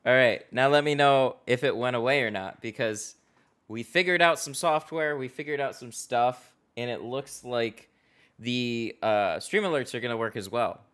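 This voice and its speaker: A man's voice: medium pitch, normal speed, fairly bright tone, smooth. A man hosting a casual livestream from a tint shop garage, chatting, laughing often and answering viewer questions as he works. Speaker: window tint installer and livestream host. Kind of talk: casual livestream chat while working.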